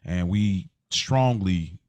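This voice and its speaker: A man co-hosting a podcast draws out his words in a low-pitched, slightly mellow voice while casually telling personal stories, often repeating words and restarting phrases. It's a dry recording with the highs cut off.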